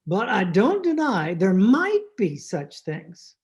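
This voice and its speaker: A woman playing droll Doctor Gamble, medium pitch. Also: huge pitch swings, slow, a little mellow, exaggerated voice. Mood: wry. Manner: dry, wordy sarcasm. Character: droll, wisecracking veteran family doctor, unflappable. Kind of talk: old-time radio comedy acting. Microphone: video call microphone.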